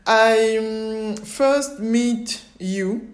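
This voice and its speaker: Woman podcast host, slow careful english, lots of ums, hesitant. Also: a little high. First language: French. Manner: hesitant, halting English with fillers and laughs. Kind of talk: casual interview.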